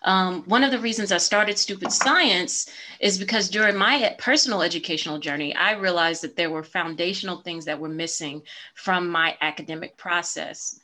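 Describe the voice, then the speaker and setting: Bright-voiced upbeat woman host. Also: on the low side, normal speed. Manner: upbeat, playful. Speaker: podcast host. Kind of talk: casual interview podcast.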